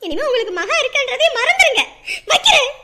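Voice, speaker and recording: A woman as a furious high-pitched young daughter. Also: very animated, quick pace, heavily acted. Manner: shouting accusations. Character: angry young pregnant daughter shouting on the phone. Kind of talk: family drama acting.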